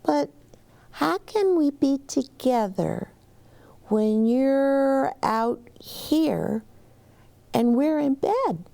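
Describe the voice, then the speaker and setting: A woman acting out a small storybook child, high and lilting in pitch. The child is earnest, anxious and full of questions, with a lively, singsong rise and fall. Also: very slow, vocal fry, exaggerated voice. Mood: worried, clingy. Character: curious, anxious young twin children, boy and girl.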